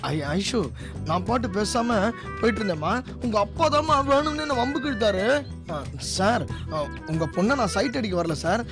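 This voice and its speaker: A cocky, teasing college student; mid pitch; music bed. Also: male voice, very animated, moderate pace. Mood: cheeky. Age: young adult. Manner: cheeky, sarcastic, teasing. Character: cheeky young male college student. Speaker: college student hanging around the house. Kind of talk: TV serial acting. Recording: TV serial with music behind.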